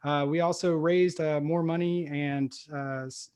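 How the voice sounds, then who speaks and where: A man hosting an investor meetup, listing his goals and introducing the guest in an upbeat way, with frequent pauses. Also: a little high, fairly even intonation, darkish tone, clean tone. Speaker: meetup host.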